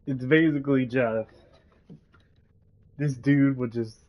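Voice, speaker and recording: A man's voice: mid-range voice, steady tone, takes it slowly. A man narrating a casual role-play story, rambling with many fillers, on a dull lo-fi recording. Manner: rambling, full of fillers like "like" and "you know".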